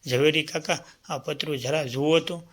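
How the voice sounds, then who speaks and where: A man's voice: a little high, fairly even intonation, a little slow. A man doing a resolute police chief. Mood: firm. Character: male city police chief, loyal and resolute.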